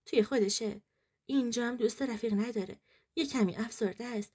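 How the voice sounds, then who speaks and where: A cold, selfish husband who brushes things off in a flat, dismissive way, as a woman narrator reads him. The voice stays mellow and slightly husky. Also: fairly high pitch.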